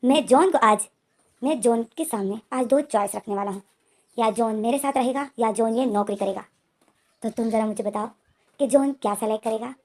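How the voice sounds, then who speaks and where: An indignant young man snaps and taunts his rival in a story, as a woman reads his lines. The voice sits fairly high and the retorts come short and cutting. It sounds like dialogue read from a storybook. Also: moderate pace, a little mellow. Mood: taunting.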